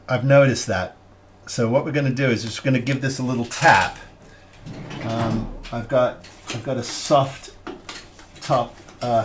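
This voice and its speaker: A man talking through a scale model build step by step, halting and thinking aloud with plenty of fillers as he works. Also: mid-range voice, noisy background. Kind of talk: hobby build tutorial.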